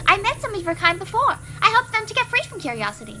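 A woman's voice: very high-pitched, very animated, fast talker, bright, forceful tone, a little hiss or hum, pitched above the performer's own voice, full character voice. A woman voicing a polite, curious and wary little girl in a video game read-aloud. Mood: polite, eager.

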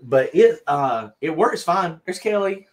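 A man's voice: fairly high pitch, expressive, a little slow. A middle-aged man with a North Carolina Southern accent, chatting casually as a livestream host from a home studio, rambling with lots of fillers and restarts. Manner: rambling, self-deprecating, many fillers and restarts. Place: home craft studio, indoors.

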